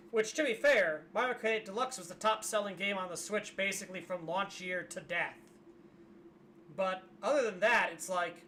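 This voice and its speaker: A hoarse streamer in casual livestream commentary, wry and grumbling, reading aloud from a web page. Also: medium pitch, pushed and bright, slight background noise. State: losing voice, hoarse.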